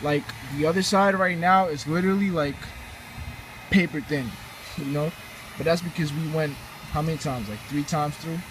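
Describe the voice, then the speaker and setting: A man's voice: a little high, normal speed. A young man hosting a car channel, explaining a how-to in a laid-back, rambling way with fillers. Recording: noisy background with vehicle sounds.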